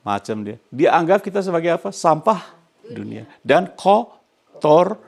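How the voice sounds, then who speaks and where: Older man, pastor; animated sermon delivery, gravelly, slightly high-pitched, quick to chuckle. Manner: animated, chuckles often, drops in English phrases. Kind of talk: lively sermon.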